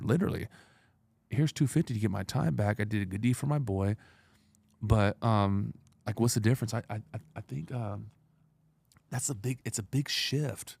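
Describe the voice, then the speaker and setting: A man's voice: lowish voice, gravelly, a little mellow, slightly rough, no echo. A man in his thirties, an entrepreneur guest, telling blunt, profane stories in streetwise slang. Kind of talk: casual storytelling.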